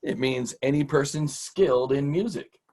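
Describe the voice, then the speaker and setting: A middle-aged man hosts and teaches an informal, encouraging vocabulary lesson for children in a folksy, casual manner. His voice is fairly high-pitched with a darkish tone, at normal speed.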